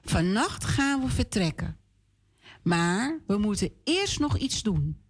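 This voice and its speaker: A woman voicing a kind father in a children's story, gentle and reassuring. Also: mid-range voice, very animated, slow, slightly rough, full character voice. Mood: urgent.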